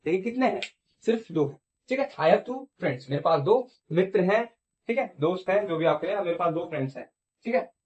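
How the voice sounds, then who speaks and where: A man's voice: sits high, darkish tone, lo-fi sound. A man teaching English grammar in Hindi. He asks questions, answers them himself, and checks in often. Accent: Indian. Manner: repeats phrases and checks in with "theek hai". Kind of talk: classroom lecture.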